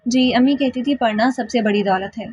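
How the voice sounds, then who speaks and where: A shy young wife in a storybook, soft and hesitant, her words trailing off, as a woman narrator voices her. The voice sits fairly high and stays quiet. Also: breathy edge, dry recording, lo-fi sound. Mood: gentle.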